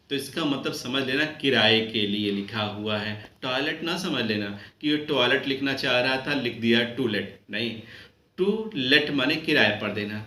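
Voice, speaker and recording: Man spelling words out for students. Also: mid-range voice. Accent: Uttar Pradesh Hindi. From India. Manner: addresses students warmly as children. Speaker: lecturer. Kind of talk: classroom grammar lesson. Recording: echoey room with faint background noise.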